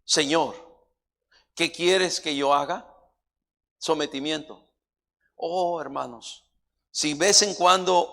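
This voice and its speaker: A man with a Mexican Spanish accent preaching a sermon as pastor, swinging from hushed low passages to loud, high-pitched preaching and acting out biblical voices. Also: vocal fry. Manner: acts out the voices of biblical figures.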